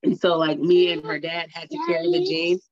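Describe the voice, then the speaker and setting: Woman in her thirties, low voice, dry muffled call audio, rambling with fillers. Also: very animated, brisk, no echo. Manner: rambling, many fillers and restarts. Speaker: guest, mother. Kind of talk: casual video call chat. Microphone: video call.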